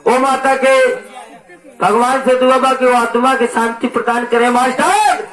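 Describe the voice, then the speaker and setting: A man's voice: very high-pitched, a little slow. An actor playing a boastful village helper with a Bhojpuri accent, declaiming his lines. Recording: echoey stage recording with loud music.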